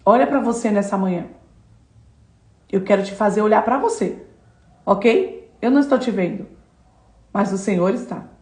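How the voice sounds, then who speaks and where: A woman's voice: medium pitch, moderate pace, pauses often, darkish tone, echoey room. A woman giving a devotional sermon-lesson, speaking emphatically in repeated phrases and addressing the listener directly. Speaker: devotional teacher.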